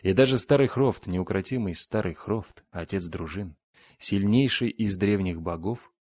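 Male audiobook narrator, low voice, dry close sound, steady dramatic reading. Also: unhurried, no echo. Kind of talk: scripted narration.

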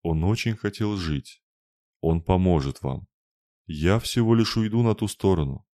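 A man voicing a weak, gentle male spirit creature who speaks in a tired, rustling way. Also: low voice, expressive, unhurried. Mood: weary. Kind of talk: audiobook narration.

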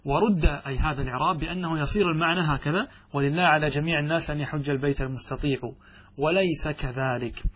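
In a lesson on Arabic grammar, a man reads the passage and explains it piece by piece, regularly answering his own questions to the class. His voice is a little high, a bit bright, and slightly rough, and he talks quickly.

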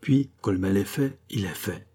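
A man voicing a calm, lecturing male doctor in an audiobook, with rhetorical, insistent phrasing. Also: on the low side, normal speed, breathy edge. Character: male doctor, calm persuasive political thinker. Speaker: character in an audiobook.

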